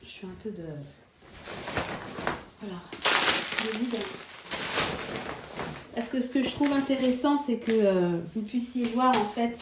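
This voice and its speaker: A woman's voice: on the high side, measured pace, long pauses. Chatty woman in an echoey room. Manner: chatty, full of hesitations and asides to viewers. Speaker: vlogger showing her grocery haul. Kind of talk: casual vlog chat. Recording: echoey room with faint noise.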